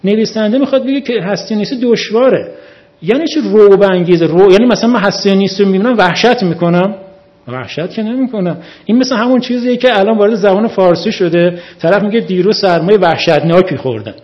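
A man on a panel critiquing a translation, talking methodically through examples one by one. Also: high-pitched. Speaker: reviewer of a translated book. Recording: dull lo-fi recording.

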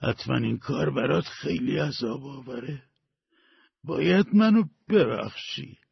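A man voicing a bedridden, dying older man, bitter and weary, in a gravelly, husky voice. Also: mid-range voice, lively intonation, no room sound, full character voice. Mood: pleading. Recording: dull lo-fi dry recording.

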